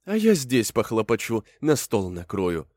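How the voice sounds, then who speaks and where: A man's voice: fairly low pitch, wildly swooping pitch, unhurried, a little mellow, dry recording, exaggerated voice. A fussy, self-important old male fox talks in a raised, bossy way, as a man voices him. His delivery swings widely up and down like a storybook judge. The recording is dry and close. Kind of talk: storybook reading.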